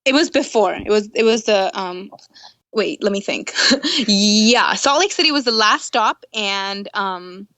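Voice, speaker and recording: A woman's voice: medium pitch, expressive, unhurried, a bit bright, no room sound. A young woman guest on a podcast, friendly and giggly, with many filler words. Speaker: activist guest. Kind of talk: podcast interview.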